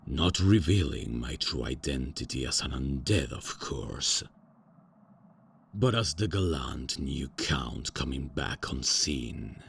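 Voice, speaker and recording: A voice actor plays an eccentric, pompous, out-of-touch vampire count in ASMR roleplay audio, a full character voice that is extremely low, deep and gravelly, with lively intonation. He speaks unhurriedly and formally, but nervous fillers and hasty self-corrections keep tripping up his grand pronouncements, over slight background noise.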